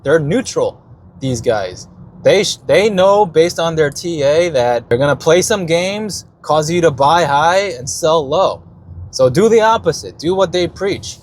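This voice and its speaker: A man's voice: a little high, animated, measured pace, a little hiss or hum. A man talking casually and off the cuff as a market commentator, in a brash, slangy, swearing crypto-bro manner. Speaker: retail investor and stock market video host.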